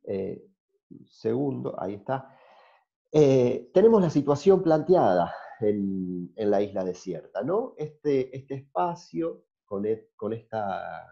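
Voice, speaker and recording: A man's voice: mid-range voice, big pitch swings, slow, vocal fry, mellow, lo-fi sound. A man teaching playwriting, thinking aloud with hesitant fillers as he explains. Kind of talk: explanatory lecture.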